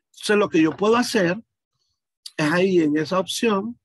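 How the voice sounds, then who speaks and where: A man's voice: high-pitched, moderate pace, breathy edge, dry recording. A man from Honduras teaching an online class over a video call, explaining patiently and speaking directly to his students.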